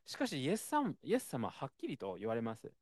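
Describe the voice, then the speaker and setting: A man preaching a sermon in a conversational, expressive way, with frequent fillers. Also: mid-range voice, quick pace, dry recording, studio quality.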